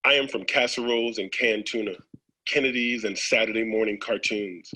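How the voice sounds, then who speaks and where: Breathy bright-toned man on the radio. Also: on the low side, fairly even intonation, normal speed, low-quality recording. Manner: enthusiastic, jokey. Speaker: radio poetry contributor. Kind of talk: radio chat and poem reading.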